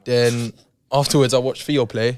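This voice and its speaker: A young man of middling pitch speaks in a London roadman accent with joking street slang. He is a guest in a casual group podcast chat. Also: fairly even intonation, moderate pace, smooth, no echo. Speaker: guest, footballer.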